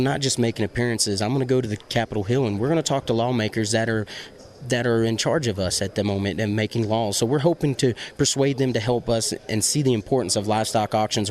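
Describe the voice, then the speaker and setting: A man's voice: lowish voice, a little mellow. An American man from Virginia, an auctioneer, giving earnest answers as an interview guest. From Virginia, USA.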